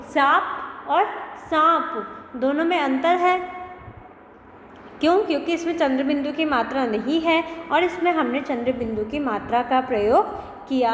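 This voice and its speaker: A woman's voice: high-pitched, slight background noise. A woman primary school teacher giving a lesson to young children, patiently spelling out syllables one by one and often checking in with "है ना". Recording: echoey room with long reverb.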